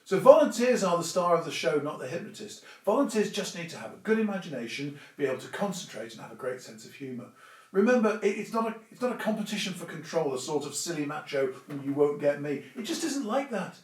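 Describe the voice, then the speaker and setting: A man with a fairly high voice talks informally and instructively, like a presenter giving practical advice. His delivery is conversational but emphatic. The recording is echoey, with the microphone some way off. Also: big pitch swings, fast. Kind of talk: informal explanatory talk to camera or audience. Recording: echoey room, distant microphone.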